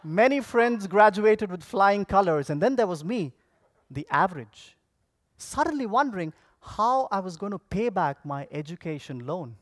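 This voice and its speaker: A man delivering a rehearsed motivational speech, telling stories theatrically with dramatic pauses and projecting to an audience. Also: high-pitched, animated, no echo, clean studio sound. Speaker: contest public speaker. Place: on stage at a speech contest convention.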